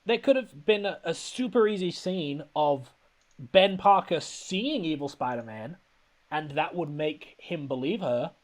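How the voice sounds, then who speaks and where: Rambling, animated man recapping a movie. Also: a little high, a little slow. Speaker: podcast host. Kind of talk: casual comedic movie recap.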